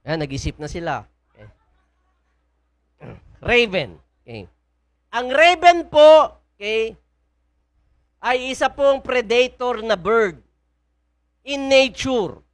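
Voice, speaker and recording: A woman's voice: a little high, sing-song, takes it slowly, long pauses. A woman with a Filipino accent preaching a sermon in a church, often asking the congregation questions. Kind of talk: sermon mixing Tagalog and English.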